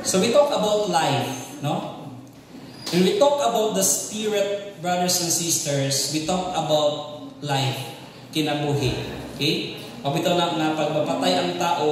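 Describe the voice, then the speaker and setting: Preacher, male, Cebuano Filipino accent, unhurried, higher voice, heard from afar in a reverberant hall. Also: slight background noise. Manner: mixes English and local words, often asks the crowd for responses. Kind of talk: sermon. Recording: echoey hall with long reverb, from far off the mic.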